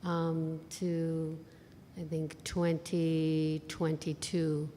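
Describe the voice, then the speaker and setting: Slow, low-voiced artist woman from Bangladesh. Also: completely flat delivery, dark tone, in a large hall, a little hiss or hum. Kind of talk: live on-stage interview.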